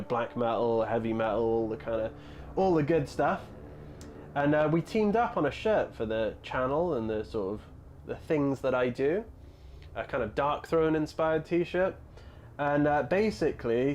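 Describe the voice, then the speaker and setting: A man in his thirties chatting casually on a live stream, rambling with lots of fillers and answering viewers' messages. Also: mid-range voice. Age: 30s. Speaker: hobby streamer.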